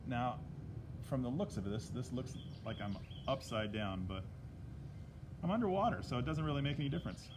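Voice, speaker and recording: A man's voice: mid-range voice, fairly quick, noisy background. A man chatting casually while leading a drawing lesson to a live audience, greeting viewers by name along the way. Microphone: tablet microphone.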